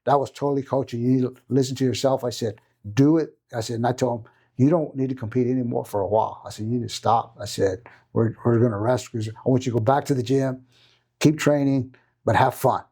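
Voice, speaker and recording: Mellow-voiced middle-aged coach. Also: male voice, medium pitch, fairly even intonation, fast talker, breathy edge. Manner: rambling anecdote with many tag questions. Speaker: jiu-jitsu coach and father. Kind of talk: storytelling in a podcast interview.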